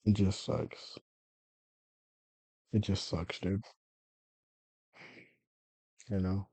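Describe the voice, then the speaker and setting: A man with a low, very dark and husky voice rambles through a personal monologue, circling back and correcting himself as he goes. The sound is dry and close, with no room around it. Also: level tone, very slow, no echo. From United States. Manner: meandering, self-correcting, frequent swearing. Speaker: vlogger.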